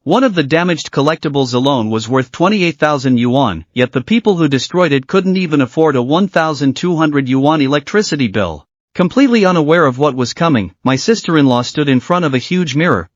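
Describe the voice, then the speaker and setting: A man's voice: a little high, dry recording. A man narrating a manhwa recap in a dramatic storytelling style. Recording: dry, dull lo-fi voice.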